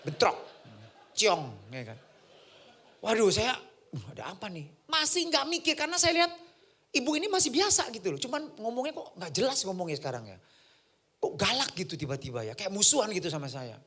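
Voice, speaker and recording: A male preacher telling a personal story in a sermon, his pitch leaping up and down with the drama. His voice is bright and forceful, and he slips into the voices of the people in the story. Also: fairly quick. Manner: animated storytelling, acting out voices. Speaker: pastor.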